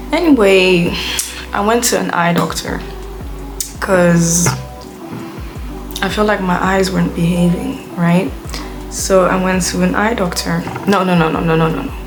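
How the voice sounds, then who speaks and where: A young Belgian woman whose first language is Dutch rants casually in a vlog, music playing beneath her voice. Her voice is lowish and a little slow, with frequent pauses. She's chatty and rambling, saying "like" a lot.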